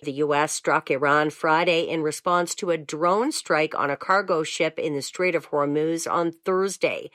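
Low-voiced woman reading the news. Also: no echo, clean studio sound. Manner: crisp, even news delivery. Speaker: newsreader.

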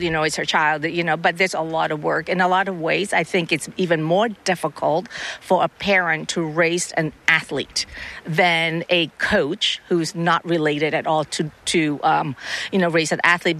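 A middle-aged woman from Hong Kong speaks as a tennis coach in a radio interview. Her voice has a bright, ringing tone. She talks in halting bursts with frequent fillers and restarts. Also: sits low.

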